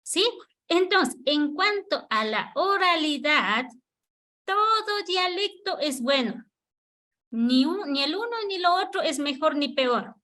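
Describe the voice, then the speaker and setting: Bright, lively-voiced woman teacher. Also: high-pitched, slow pace. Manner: patient, repeats words for the class to echo. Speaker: Kichwa language teacher. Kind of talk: online class lesson. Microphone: video call.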